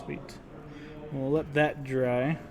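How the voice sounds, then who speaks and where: A man's voice: medium pitch, little pitch movement, extremely slow, a crowd in the background. Casual man with a Utah accent. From Utah, United States. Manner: laid-back, drops his T's. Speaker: host, miniature painting instructor. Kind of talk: casual painting tutorial with chat.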